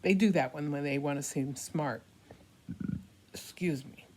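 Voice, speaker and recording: An older woman with a low voice performs a satirical monologue like a stage actor. Her delivery is hammy and theatrical, and she plays out the dialogue inside her first-person storytelling. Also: moderate pace, warm tone, a little hiss or hum. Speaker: performer reading a comic monologue.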